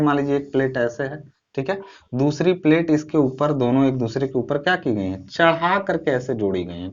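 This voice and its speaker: Through dull audio, a man with a somewhat high voice teaches civil engineering in a recorded online lecture. His step-by-step explanation is peppered with self-answered questions and frequent short tag phrases to check in.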